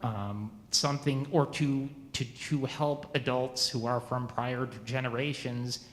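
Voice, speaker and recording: A man in his forties asking a new minister questions at a church meeting, halting and often restarting his sentences. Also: mid-range voice, fairly even intonation, fairly bright tone, reverberant, big-room sound, slight background noise. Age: 40s.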